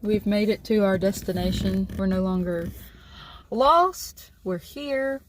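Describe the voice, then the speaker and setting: A woman's voice: mid-range voice, animated, takes it slowly. A woman co-hosting a casual vlog, easygoing and laughing along, in a car and outdoors. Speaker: co-host. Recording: car and street noise.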